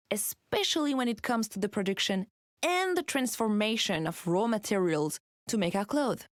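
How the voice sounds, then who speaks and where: A woman's voice: medium pitch, no room sound. Female podcast host, scripted narration, mid-range voice, dry close recording.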